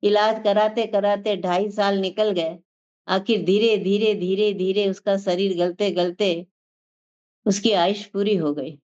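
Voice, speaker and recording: A woman's voice: mid-range voice, fairly even intonation, a little slow, darkish tone. Woman giving an earnest spiritual talk. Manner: earnest, repetitive teaching cadence. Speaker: religious class teacher. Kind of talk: spiritual discourse. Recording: dull lo-fi sound.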